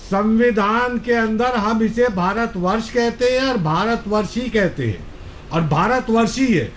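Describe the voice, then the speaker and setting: A man on a debate panel with a high voice, pushing his point combatively and refusing to yield the floor. Faint hiss sits behind him. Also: a bit bright, low-quality recording. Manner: combative, talks over the anchor. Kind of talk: heated political debate.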